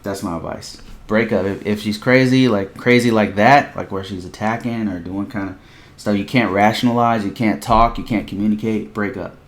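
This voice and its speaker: A man's voice: fairly low pitch, steady tone, moderate pace. A man hosting a casual live stream, rambling through a personal story with many fillers and repetitions, then giving blunt advice to viewers. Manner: rambling, repeats himself, frequent fillers, talks to viewers directly.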